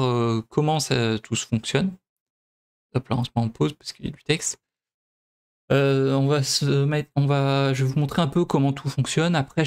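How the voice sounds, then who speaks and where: Casting note: young man from France, let's play host, mid-pitched, halting delivery full of fillers. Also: a little mellow, smooth. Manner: hesitant, many fillers and restarts. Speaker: gameplay video host. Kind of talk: casual let's play commentary.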